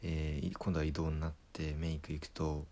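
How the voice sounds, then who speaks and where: Low gravelly-voiced man telling a story. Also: fairly quick. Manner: lively retelling, acting out quoted lines with chuckles. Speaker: comedian. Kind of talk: casual storytelling monologue.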